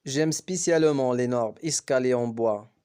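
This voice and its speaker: A man who teaches French, reading a novel aloud slowly and carefully. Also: medium pitch, warm tone, clean tone. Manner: slow, careful storybook reading.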